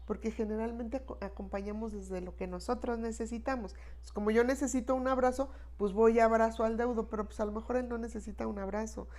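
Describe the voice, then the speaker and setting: A woman's voice: on the high side, fairly even intonation, fast, hardly any pauses, a little mellow. A woman, an expert guest explaining in an earnest, conversational way and tagging her points with a questioning "no?". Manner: earnest, repeats 'no?' tags, acts out quoted phrases. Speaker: expert guest on death and grief.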